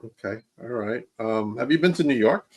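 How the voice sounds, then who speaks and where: A man hosting a podcast interview, answering with quick okays and all-rights and often repeating himself. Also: medium pitch, lively intonation, slightly rough. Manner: short affirmations, repeats himself, laughs along. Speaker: podcast host. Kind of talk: casual interview.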